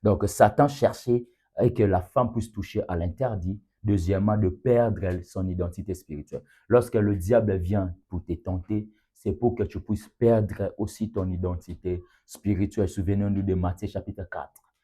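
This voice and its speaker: A man preaching a sermon with emphatic rising bursts, quiet asides and occasional Lingala phrases. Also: sits low, fairly even intonation, moderate pace, slightly rough.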